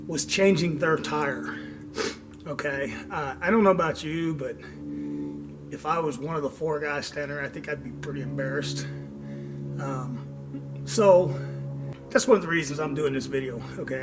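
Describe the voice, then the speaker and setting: Out of breath, an older DIY car repair host rambles through a long-winded, casual explanation, stopping for air and tagging his lines with "okay?". His voice runs on the high side.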